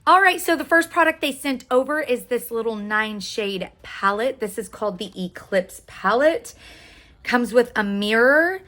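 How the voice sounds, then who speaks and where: A slightly high, bright woman's voice, animated yet a bit slow. She's an American beauty vlogger from Oklahoma, United States, chatting casually through a makeup tutorial, gushing and repeating words for emphasis.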